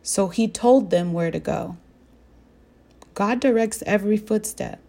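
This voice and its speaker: A woman's voice: mid-range voice, unhurried, vocal fry, warm tone. A young woman from the American Southwest hosting a faith-based podcast, telling a story earnestly and asking her listeners direct questions. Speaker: podcast host. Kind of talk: faith-based reflective talk.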